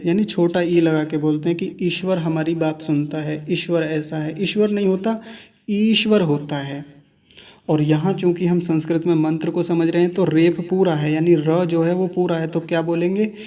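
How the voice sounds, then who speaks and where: Slow, mellow male Sanskrit teacher. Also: on the high side, recorded from a distance. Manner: slow, deliberate syllable-by-syllable demonstration; contrasts wrong and right pronunciations repeatedly. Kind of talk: recorded online class.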